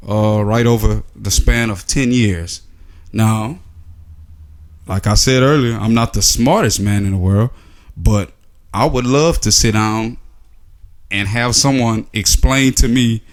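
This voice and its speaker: A man's voice: fairly low pitch, takes it slowly, long pauses. A man delivering a casual, sarcastic opinion monologue, full of rhetorical questions and filler words. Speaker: sports commentary vlogger.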